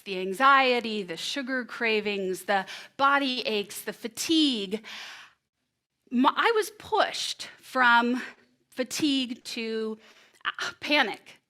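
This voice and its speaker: Bright-voiced woman telling a story on stage. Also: a little high. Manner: expressive, animated delivery with dramatic pauses. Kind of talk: live storytelling performance. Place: presentation room before an audience.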